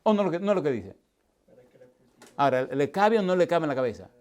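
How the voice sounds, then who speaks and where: Animated preacher questioning his audience. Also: a little high, a little fast. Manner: asks the audience constant call-and-response questions; animated, swings from loud to hushed. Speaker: pastor teaching a preaching seminar. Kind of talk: lively seminar sermon. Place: church hall with live audience.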